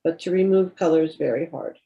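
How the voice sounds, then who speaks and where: A woman's voice: sits low, brisk, dark tone, muffled recording. A woman teaching a beginner watercolor class, explaining technique in a patient, practical and encouraging way. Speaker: watercolor instructor. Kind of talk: live painting class instruction.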